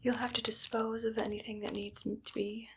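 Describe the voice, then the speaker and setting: In an ASMR roleplay, a woman plays a menacing, irritable evil scientist, whispering bossy orders and deadpan threats with a breathy, creaky edge. Her natural voice sits on the high side at a moderate pace over a noisy background. The mood is businesslike and ominous.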